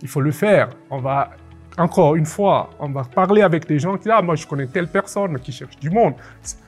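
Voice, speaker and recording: A man's voice: fairly high pitch, a little fast, husky, soft background music. A man from Ivory Coast, a policy analyst and father, telling his story in an interview with a reflective, hesitant manner and many fillers. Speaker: interviewee, public servant. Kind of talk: personal testimony interview.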